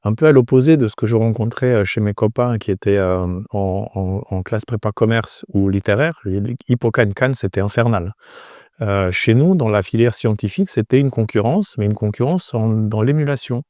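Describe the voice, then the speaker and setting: Recorded close and dry with no echo, this interview guest, a Romanian entrepreneur in his forties, speaks in a low, soft-edged voice. His answers are conversational, and he frequently stops and repeats words as he looks for the right phrasing.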